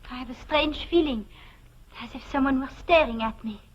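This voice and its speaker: A refined, flirtatious but uneasy woman in a 1950s television romance. Her voice sits high, with a theatrical polish. The vintage soundtrack is dull. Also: moderate pace, breathy edge. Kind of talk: 1950s television drama acting.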